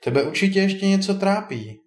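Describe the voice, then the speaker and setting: A man voicing a kindly, teasing old male wizard in a storybook tale, a bit higher than his narration. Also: animated. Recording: roomy echo.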